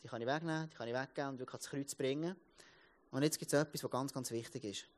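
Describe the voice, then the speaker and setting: A man's voice: mid-range voice, fast. A man in his thirties with a Swiss German accent, giving a casual sermon as a pastor, telling stories with many restarts. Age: 30s. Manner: lively storytelling, many restarts and repeated words.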